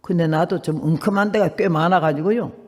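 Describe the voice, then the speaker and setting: A woman's voice: on the low side, brisk, a little mellow. A woman in her eighties, a missionary preacher, telling a story in a sermon and acting out the people in it. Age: 80s. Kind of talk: sermon with dramatic personal storytelling. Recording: long reverb of a church hall.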